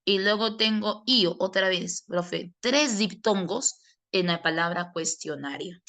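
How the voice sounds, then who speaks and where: A woman's voice: medium pitch, slow, fairly bright tone. A woman teaching a grammar class. She explains patiently and answers questions she poses in her students' voices. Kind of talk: online class lecture.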